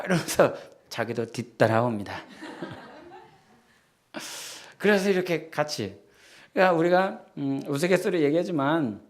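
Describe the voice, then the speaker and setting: Korean man preaching in casual talk. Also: mid-range voice. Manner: conversational preaching, acts out quoted lines. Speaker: pastor. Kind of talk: sermon. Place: church.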